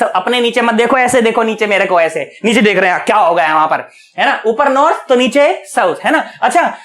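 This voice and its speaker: A man teaching physics at a board, asking questions and answering them himself in a chatty, coaxing way, repeating key words slowly. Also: very high-pitched, fairly bright tone. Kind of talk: online lecture, explaining at a board.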